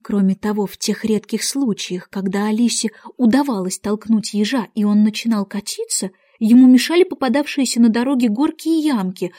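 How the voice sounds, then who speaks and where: A woman narrating a fairy tale in an expressive, lively reading. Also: fairly high pitch, fairly quick, hardly any pauses.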